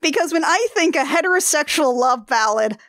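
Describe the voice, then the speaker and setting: A woman's voice: high voice, expressive, fairly quick, fairly bright tone, no echo, clean studio sound. Wry, chatty woman podcast host. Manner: wry, chatty with many "like" fillers. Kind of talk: casual chat.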